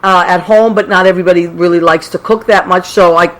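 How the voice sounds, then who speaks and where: An American woman from Massachusetts casually hosts a livestream call-in show, speaking quickly in a lowish, steady voice. She's chatty and effusive, full of affectionate endearments, though the audio is poor.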